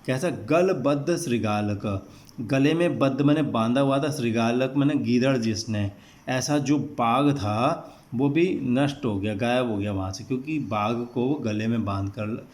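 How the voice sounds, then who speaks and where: A male teacher explaining a classroom text line by line, slowly glossing each word and repeating meanings. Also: mid-range voice, a little mellow. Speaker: Sanskrit teacher.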